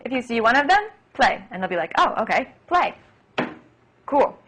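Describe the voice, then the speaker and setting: A woman's voice: a little high, big pitch swings, fast talker, fairly bright tone, slight background noise, poor audio. A woman piano teacher explaining beginner lessons for children in an enthusiastic, chatty way. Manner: enthusiastic, chatty, acts out child-friendly phrases. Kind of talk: instructional demonstration.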